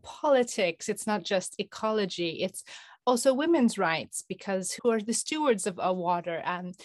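A woman's voice: medium pitch, lively intonation, moderate pace, dry recording. A woman interviewer with a mid-range voice asks engaged, probing questions. Her voice sounds close and dry.

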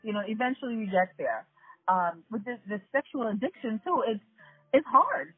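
Animated woman with a husky voice on a tinny line. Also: fairly high pitch, moderate pace, dry recording. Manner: animated, laughing often, addresses listeners directly. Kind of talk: casual storytelling chat. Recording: tinny phone-like line, dry, faint music.

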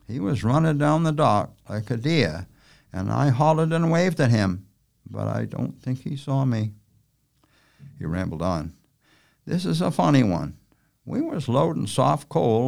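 A man narrating a novel aloud in a folksy, unhurried storytelling manner with rural turns of speech. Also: medium pitch, creaky, a little mellow. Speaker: audiobook narrator.

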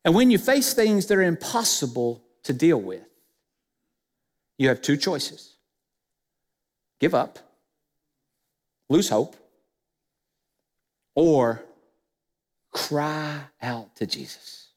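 A man preaching a sermon as pastor, emphatic and dropping his voice low on key phrases. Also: expressive, slow pace, long pauses. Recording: long hall reverb.

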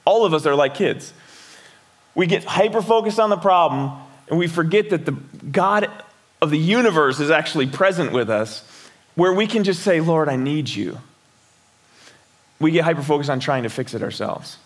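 A middle-aged male pastor delivers a sermon in a relaxed, conversational way. His voice sits slightly high, and he often repeats a word before going on. He keeps asking the listeners questions. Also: brisk. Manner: conversational preaching with repeated words and rhetorical questions.

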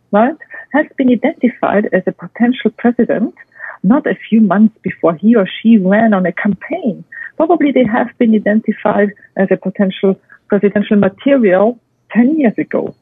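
A woman's voice: mid-range voice, husky, dry recording. Tinny-line woman giving orderly advice, non-native English accent. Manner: emphatic, orderly, listing points with repetition. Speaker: guest expert and speaker. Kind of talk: structured advice interview. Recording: tinny phone-like line, dry.

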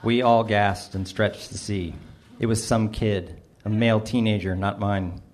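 A middle-aged man with a slightly low voice tells a funny story about himself. His delivery is dry and wry, and he mocks himself as he reads his own essay. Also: fairly even intonation, measured pace, darkish tone. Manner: dry, self-mocking delivery with small laughs. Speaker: narrator reading his personal essay. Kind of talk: first-person storytelling, wry and humorous.

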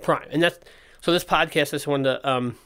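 A man's voice: a little high, a little fast, bright, forceful tone, smooth. A man talks into his podcast in a loose, informal way. His missing front teeth give his speech a slight lisp. He rambles candidly and often cuts himself off to rephrase. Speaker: podcast host and skate park owner. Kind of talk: casual solo podcast talk.

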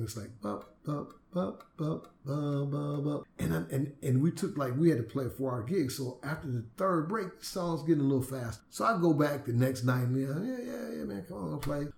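A man tells stories about his years as a jazz bass player, with a relaxed, anecdotal style. He slips into the voices of the people he quotes and laughs often. His voice sits in the middle range and sounds roomy, with echo around it. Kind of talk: anecdotal storytelling.

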